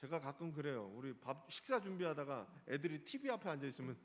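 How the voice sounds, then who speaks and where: In a church sanctuary with a big-room sound, a male pastor preaches a Sunday sermon fast, his voice on the high side. He is animated and asks the congregation questions.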